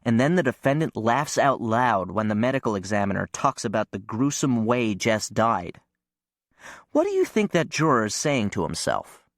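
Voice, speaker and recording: A man's voice: medium pitch, big pitch swings, normal speed, no room sound, studio quality. A man voicing an exasperated young defense lawyer who lectures sternly.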